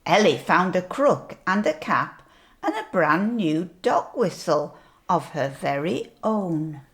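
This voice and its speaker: A sweet grandmotherly older woman reading a picture book aloud to young children, gently pointing things out as she goes. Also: lowish voice, sing-song. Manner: slow, deliberate storytelling with asides.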